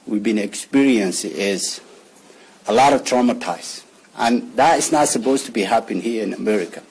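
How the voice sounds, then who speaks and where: Man, somali accent, husky voice, father at a press conference, repeats words. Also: mid-range voice, a little mellow, low-quality recording. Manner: repeats words, searches for phrasing. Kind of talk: press statement.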